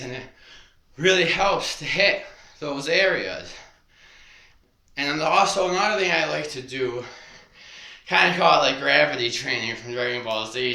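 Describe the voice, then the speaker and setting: A man talking casually while demonstrating stretches, out of breath and rambling in halting phrases strung together with "and". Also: fairly high pitch, sharp tone. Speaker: vlogger. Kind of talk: casual exercise demonstration vlog. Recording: roomy echo, faint background hiss.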